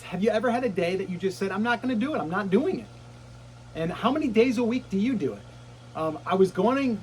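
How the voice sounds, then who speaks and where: Sitting outdoors in a cold plunge barrel of ice-cold water, a middle-aged male vlogger talks casually to himself on camera, short of breath, in short phrases broken by puffs and exclamations. His voice is fairly high, and the poor audio has a little hiss or hum.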